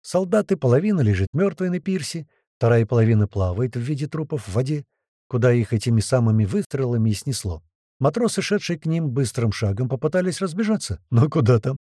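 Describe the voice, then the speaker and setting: Warm, lively male audiobook narrator. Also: mid-range voice, brisk, dry recording, studio quality. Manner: lively, vivid storytelling. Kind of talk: first-person audiobook narration.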